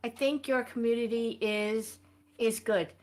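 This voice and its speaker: High-pitched, hesitant woman player. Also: fairly even intonation, unhurried, darkish tone. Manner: hesitant, polite, many fillers. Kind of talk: tabletop game play. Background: faint background music.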